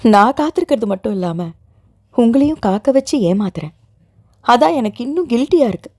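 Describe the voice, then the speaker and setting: A young heroine in a romantic audio drama, emotional and pleading, with a bright, lively, swinging voice, as a woman narrator plays her. She speaks earnestly from the heart. Close, dry recording. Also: on the high side, normal speed, no room sound. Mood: sorrowful. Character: young woman, tearful guilt-ridden heroine.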